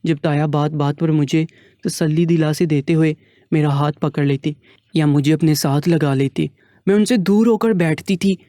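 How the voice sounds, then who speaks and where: Male storyteller, first-person script, earnest steady delivery, dry close sound. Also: on the high side, dry recording.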